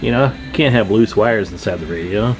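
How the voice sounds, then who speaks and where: Over music, a man with a lowish voice hosts a CB radio repair channel, speaking briskly as he gives a hands-on radio repair demonstration. His manner is casual, informal, chatty, and folksy.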